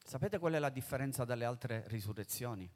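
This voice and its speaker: A man preaching a sermon in a dramatic way, swinging between loud, urgent phrases and hushed ones. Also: medium pitch, expressive, brisk.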